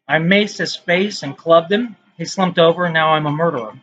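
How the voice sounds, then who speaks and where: A man's voice: a little high, moderate pace, a bit bright, dull audio, soft background music. A man reading his own poems aloud in a casual vlog, with rambling, self-mocking asides between them.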